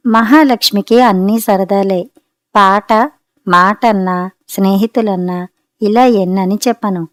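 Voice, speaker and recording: A woman narrating a family story in a steady, gentle storytelling manner. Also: mid-range voice, no echo, studio quality. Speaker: audiobook narrator.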